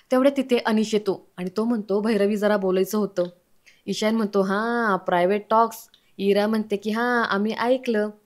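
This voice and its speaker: A woman with a Marathi accent retelling a television serial episode as a story, reading every character's lines herself. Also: medium pitch. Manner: reads all characters' lines herself, quoting them in a mostly even tone. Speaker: serial episode recap narrator.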